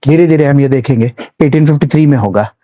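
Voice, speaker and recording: A man with a medium-pitched, mellow voice talks quickly through a history lecture for civil services exam students. He keeps it chatty, acting out little scenes and mixing English terms into his talk, and the sound is lo-fi.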